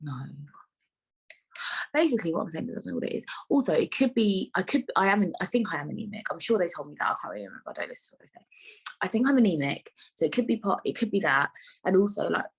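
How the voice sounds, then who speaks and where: A young woman hosts her own podcast and chats in a loose, rambling way, talking straight to her listeners. Her voice sits low, with a husky, breathy edge. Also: big pitch swings, fast talker, low-quality recording. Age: 20s. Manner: chatty, rambling, full of "like" and asides to listeners. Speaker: podcast host. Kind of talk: casual solo podcast chat.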